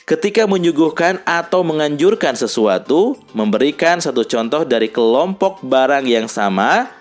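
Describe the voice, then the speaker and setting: Male language teacher, animated pitch, patient explainer, faint background music. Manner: reads dialogue examples slowly and explains them patiently. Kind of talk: lesson explaining grammar.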